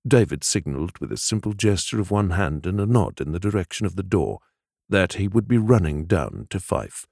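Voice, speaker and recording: A male audiobook narrator with a very low voice that still swings expressively through each sentence. The read is dry and close, with no room around it. He tells the story in a measured, steady way. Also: gravelly, dry recording.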